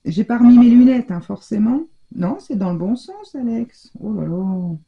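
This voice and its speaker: A woman's voice: on the high side, normal speed. An older woman chatting casually through a scrapbooking tutorial from her home craft room, thinking aloud as she works. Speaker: scrapbooking vlogger. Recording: dull lo-fi sound.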